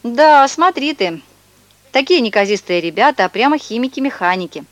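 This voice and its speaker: A woman's voice: on the high side, lively intonation, moderate pace, no room sound, voice pushed up, lightly acted. A woman reading aloud and voicing a tall young male swindler who sobs, wails and talks in slang, in a storybook reading. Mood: sly. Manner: theatrical sobbing and wailing, slangy.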